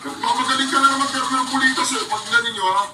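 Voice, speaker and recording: A man's voice: extremely high pitch, steady tone, fast talker, reverberant. A man hosting a vlog, taunting and mocking a clip as he reacts to it, heard from a distant mic with music behind. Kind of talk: political reaction commentary.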